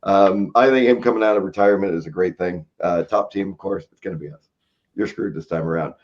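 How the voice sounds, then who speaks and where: A man's voice: sits low, brisk. A man hosting a podcast, rambling casually and laughing often, poking fun at himself. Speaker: podcast host. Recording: dull lo-fi sound.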